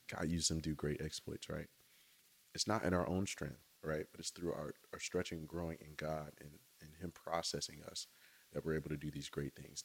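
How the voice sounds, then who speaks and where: A man's voice: rumbling low, slightly rough. A man giving a casual, enthusiastic devotional talk outdoors, speaking conversationally to his listeners. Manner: enthusiastic, conversational, often says "right?" and "y'all". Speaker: faith speaker.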